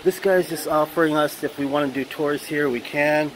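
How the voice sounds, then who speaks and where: Excitable man on an outdoor walking tour. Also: fairly high pitch, normal speed, noisy background. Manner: excited, exclaiming often. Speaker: travel vlogger. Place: outdoors at ruins by a waterfall.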